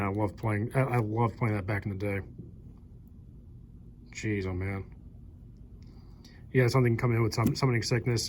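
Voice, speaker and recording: Paging through his old card collection, this young channel host calls out the cards one after another in a lively, casual manner. His voice sits on the low side, and the handheld camera mic adds a slight hiss or hum.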